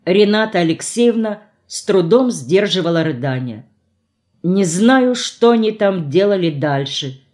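A woman's voice: on the low side, animated, measured pace, a little mellow. Woman reading a novel aloud. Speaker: audiobook narrator. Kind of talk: first-person literary narration.

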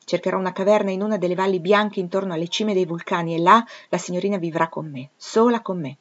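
A woman reading the lines of a stern, commanding gentleman with a curt, firm delivery. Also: lowish voice, quick pace, highs cut off, lightly acted.

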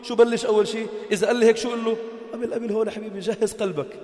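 A man's voice: high voice, level tone, rapid-fire, warm tone. A man preaching to a gathering. He tells stories with acted-out dialogue and builds to emphatic appeals. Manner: storytelling, acts out quoted dialogue, builds to emphatic exhortation. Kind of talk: informal sermon to a gathering. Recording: echoey hall.

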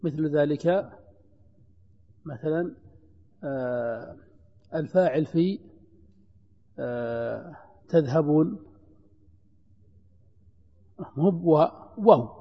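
A man's voice: fairly high pitch, dark tone, husky. A man teaching a grammar lesson in a classroom style, patiently explaining, repeating examples and putting questions to his students. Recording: dull lo-fi lecture recording in a reverberant hall.

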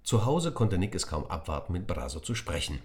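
A man narrating a children's audiobook in an expressive storytelling manner. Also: deep voice, a little fast.

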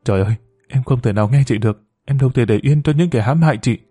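A man's voice: mid-range voice, quick pace, warm tone, breathy edge, close to an everyday voice. A man voicing a resentful, grieving young man in an audiobook story, protesting heatedly.

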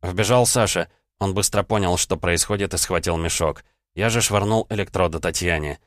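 A man narrating an audiobook in the first person, telling the story in a measured, tense way. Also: low-pitched, no room sound, studio quality.

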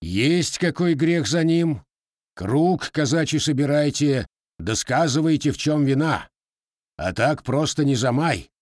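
A proud Cossack blacksmith who speaks curtly and with open contempt, as a male reader puts him on. The voice is pushed up in pitch and firm in tone. Dry, close audiobook recording. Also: lively intonation, a little slow, a little mellow, no room sound. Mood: stern. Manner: curt, contemptuous.

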